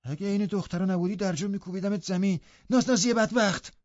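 A rough, surly young farmhand from a storybook, voiced by a man with gruff, grumbling delivery. The voice sits somewhat above the reader's usual register. The recording sounds dull and lo-fi. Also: high voice, very animated, warm tone, no room sound, pitched above the performer's own voice.

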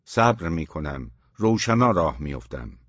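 A man voicing a gruff, fatalistic old man who answers in flat, muffled replies. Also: a bass voice, dry recording, heavily acted.

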